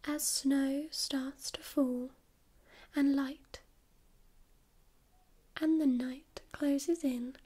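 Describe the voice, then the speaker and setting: Woman doing a friendly patient librarian lady, whispered role-play, soft library whisper, really slow and soothing, mellow tone. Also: sits high, steady tone. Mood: hushed, suspenseful. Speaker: ASMR performer playing a librarian.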